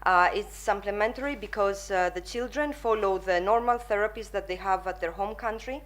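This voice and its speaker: A woman giving a conference presentation as a psychologist, in halting, hesitant phrases. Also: medium pitch, a bit bright.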